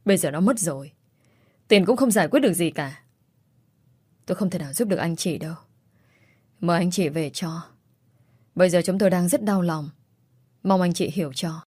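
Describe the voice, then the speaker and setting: A grieving woman in her sixties, as a female narrator puts her on, quiet and sobbing yet unbending. the voice is low and warm, read dry and close. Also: moderate pace, long pauses, slightly rough, no room sound. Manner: soft, sobbing.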